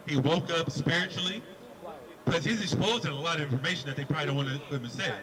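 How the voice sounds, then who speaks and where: A man's voice: fairly high pitch, quick pace, background noise. A man preaching on a city street, questioning a passerby in an emphatic debate and repeating words as he drives his point home. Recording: busy street crowd behind.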